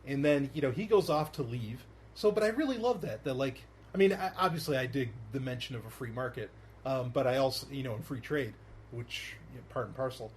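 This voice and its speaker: A podcast host chats casually in an animated, brisk, medium-pitched voice, rambling with many fillers and restarts. He laughs often, and there's slight background noise.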